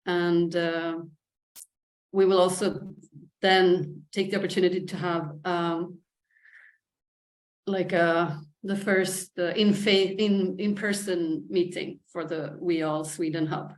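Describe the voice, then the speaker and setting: A woman's voice: lowish voice, steady tone, slow pace, low-quality recording. A woman hosting an online event, giving an informal, unscripted introduction and often searching for her words. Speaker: event host introducing the speaker. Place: online video call.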